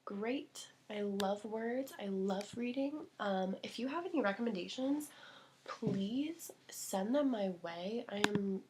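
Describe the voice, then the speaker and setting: A young woman chatting to her camera at home in a gushing, rambling way, full of filler words and bursts of laughter. She sounds a little out of breath and talks in a relaxed, personal way. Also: medium pitch, takes it slowly, noisy background. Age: young adult. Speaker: vlogger. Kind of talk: casual chat to camera. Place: at home, indoors.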